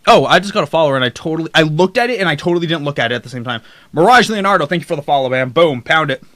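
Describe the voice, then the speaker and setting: Young man, casual streamer, bright voice, dry close mic sound, offhand and rambling. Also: on the high side, lively intonation, racing, no room sound. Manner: rambling, offhand, reads chat aloud. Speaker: streamer host. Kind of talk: casual live-stream chat. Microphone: desk mic close up.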